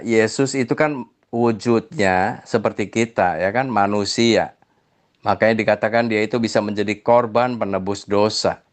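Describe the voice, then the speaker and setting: Chiding man explaining his faith. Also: medium pitch. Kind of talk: religious debate voice notes.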